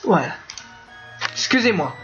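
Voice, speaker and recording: Easygoing game playthrough host, mid-pitched, halting delivery, dull lo-fi audio with faint game music. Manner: relaxed, halting, lots of fillers and asides. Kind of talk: casual live commentary.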